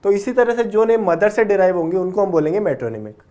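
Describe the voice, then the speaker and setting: A young man gives a patient classroom-style vocabulary lesson. He breaks words down root by root, switching easily between Hindi and English terms. He often checks in with his listeners with a quick "okay?". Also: high-pitched, very animated, warm tone. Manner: explains patiently, ends points with a checking "okay?". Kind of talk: classroom lecture explaining word roots.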